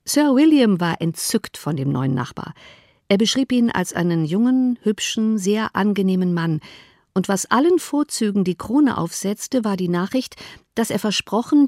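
A woman narrating a classic novel as an audiobook in an even, measured way. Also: medium pitch, no echo, studio quality. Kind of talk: scripted narration.

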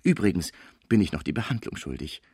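A man voicing a scheming, fawning older female portress in an audiobook, flattering and pushy. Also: low voice, fairly quick, breathy edge, no room sound, studio quality, exaggerated voice. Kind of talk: audiobook character voice.

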